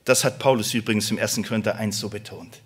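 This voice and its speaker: A male preacher and church elder giving an emotional sermon, swinging between loud emphatic outbursts and quiet confessions and often checking in with the congregation. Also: fairly low pitch, fairly even intonation, quick pace, slightly rough.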